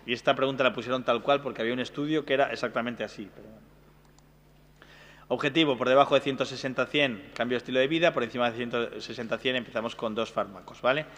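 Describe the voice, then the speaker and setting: Male medical lecturer, brisk and instructive, in a reverberant hall. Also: medium pitch, fairly bright tone. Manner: brisk, checking in with listeners. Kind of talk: exam-prep medical lecture.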